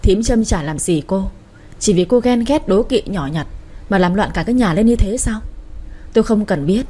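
A woman's voice: mid-range voice, animated, normal speed, dark tone, slightly rough. Woman reading as a curt, fed-up husband. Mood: cold anger. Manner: curt, hissing.

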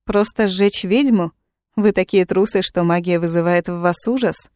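A woman's voice: lowish voice, normal speed, darkish tone, no room sound, natural voice. Woman playing a sarcastic captive witch. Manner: sarcastic, cool, mocking.

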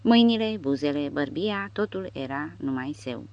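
Rich: A woman narrates an audiobook in a low voice with a steady storytelling delivery. The recording is dull and lo-fi. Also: creaky.

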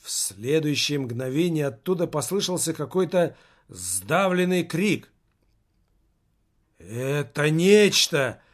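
A man narrating a novel aloud. He reads slowly and carefully, in a voice pitched a little above the usual for a man. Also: animated. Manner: slow, measured narration. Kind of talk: audiobook reading.

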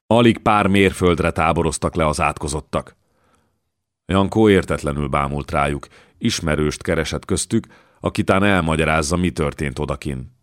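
A man reading an audiobook in a steady, measured narration, close to the mic. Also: very deep voice, no room sound. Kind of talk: scripted narration.

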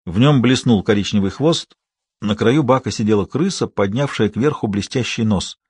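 A man reading a thriller audiobook in an even, measured storytelling manner. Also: lowish voice, husky, no echo, clean studio sound. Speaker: audiobook narrator. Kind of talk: scripted thriller narration.

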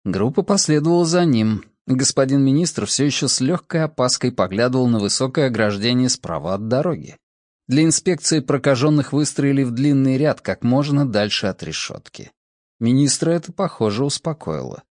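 Male audiobook reader, lively pitch, dry close studio sound. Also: no room sound. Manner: expressive, measured reading. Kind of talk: scripted narration.

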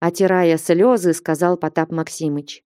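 A woman narrating a classic story in a measured audiobook reading. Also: fairly low pitch, steady tone, mellow, dry recording, studio quality. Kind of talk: scripted narration.

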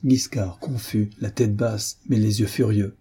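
A man narrating a classic novel aloud in a measured storytelling voice, slowing down over lists of details. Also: fairly low pitch, fairly even intonation, warm tone, breathy edge. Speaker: audiobook narrator.

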